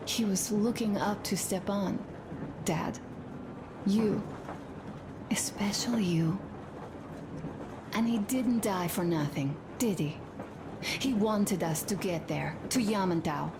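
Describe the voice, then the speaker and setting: A woman acts as a young wife in a video game, confiding tenderly in her husband. She speaks slowly and softly, in a reflective, intimate way. There is clear ambient noise behind the voice. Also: mid-range voice, close to an everyday voice.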